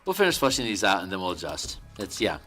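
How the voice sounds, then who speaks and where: A man with a lowish voice that still carries a bright, forceful edge. He streams while painting, thinking aloud in quiet self-directed murmurs, then turns to viewers with loose, rambling asides full of restarts. Faint music plays softly behind him. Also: big pitch swings, fast. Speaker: artist streaming his work. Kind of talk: casual livestream chat while painting.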